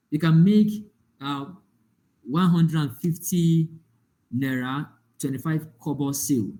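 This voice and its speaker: A man's voice: fairly high pitch, dark tone. A man teaching a live online data analytics class, explaining with examples and often checking that the class follows. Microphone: online call.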